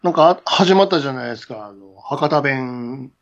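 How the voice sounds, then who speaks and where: A man's voice: mid-range voice, animated, normal speed. A man, co-hosting a casual chat and mostly listening with short replies. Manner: attentive listener, frequent nods and laughs. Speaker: podcast co-host. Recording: dull lo-fi sound.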